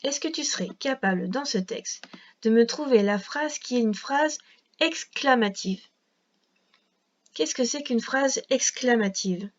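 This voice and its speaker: A woman's voice: on the high side, lively intonation, normal speed, highs cut off. A woman teacher guiding a young child through a reading lesson at a patient, carefully articulated pace. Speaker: first-grade teacher.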